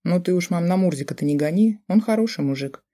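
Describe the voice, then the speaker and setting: Chill amused grown-up son, narrator voicing him, mellow and easy. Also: mid-range voice, animated, fast, close to an everyday voice. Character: amused middle-aged son, easygoing.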